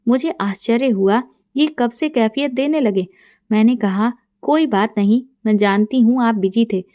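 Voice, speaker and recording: A middle-aged woman tells a first-person story and reads all the parts herself in a calm, even manner. Her voice sits a little high and sounds warm and mellow. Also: unhurried.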